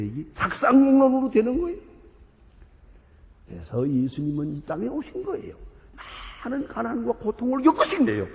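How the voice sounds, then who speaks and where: An older man preaching a sermon as pastor, swinging from booming exhortation to hushed asides and acting out the people he quotes. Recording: long reverb of a large hall.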